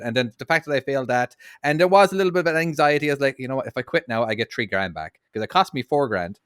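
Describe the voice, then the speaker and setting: A man co-hosting a casual podcast, telling lively stories with quick restarts. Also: mid-range voice, smooth, no echo, studio quality. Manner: quick, animated storytelling with restarts. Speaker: podcast co-host, truck driver.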